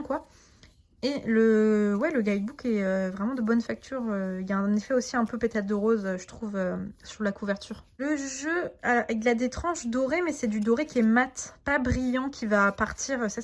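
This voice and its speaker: A woman doing a casual unboxing, chatty and enthusiastic with frequent hesitations, reading out card names and translating them. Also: on the high side. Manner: reads English card names aloud with translations. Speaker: tarot and oracle deck reviewer.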